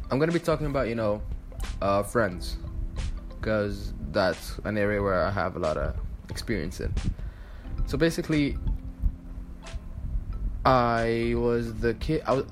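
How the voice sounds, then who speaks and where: Rambling young man, lowish voice. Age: 20s. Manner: rambling, filler-heavy, restarts often. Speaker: vlogger. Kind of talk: casual talk to camera.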